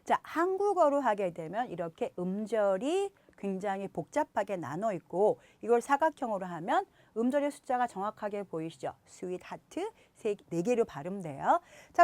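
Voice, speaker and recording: Woman, teacher, video lesson, lively pitch, dry close sound, slow drawn-out example words. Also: dry recording. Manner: slow, drawn-out demonstration words between explanations. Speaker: English pronunciation teacher.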